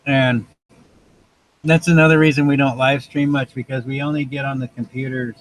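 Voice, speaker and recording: A man talks loosely on a live stream, wandering from thought to thought and restarting his sentences. His voice sits at an ordinary pitch. Faint outdoor ambience runs under him. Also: flat delivery, normal speed, slight background noise, low-quality recording. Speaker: vlogger co-host. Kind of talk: casual live-stream chat. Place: outside by their van.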